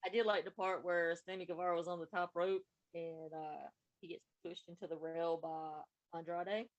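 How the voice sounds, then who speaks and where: A woman's voice: on the low side, level tone, normal speed, highs cut off. A woman co-hosting a podcast, recapping wrestling matches in a casual, running play-by-play way. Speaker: podcast co-host.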